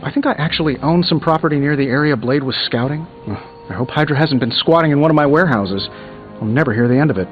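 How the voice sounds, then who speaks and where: An actor playing a cocky, wisecracking tech genius superhero in a video game, with an American accent and sarcastic manner. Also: male voice, a little high, fast, dull audio, soft background music, lightly acted. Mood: sardonic. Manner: glib, sarcastic quipping. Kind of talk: scripted video game voice acting.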